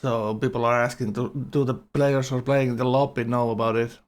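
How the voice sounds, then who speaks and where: Commentating a game tournament live, a man talks in a casual, halting, meandering way with a medium pitch and steady tone. A numb mouth leaves his words slightly awkward.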